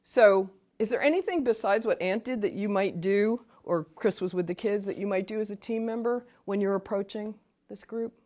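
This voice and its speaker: A woman's voice: medium pitch, moderate pace, dull audio. A woman leading a training session, talking in a chatty way and telling stories with asides. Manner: chatty, animated storytelling with asides. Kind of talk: casual training lecture. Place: meeting room.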